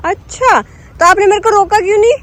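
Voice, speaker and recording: A woman's voice: very high-pitched, fairly quick, fairly bright tone. A young woman vlogging casually outdoors on a city street, chatty and cooing to street dogs. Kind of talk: casual vlog chat.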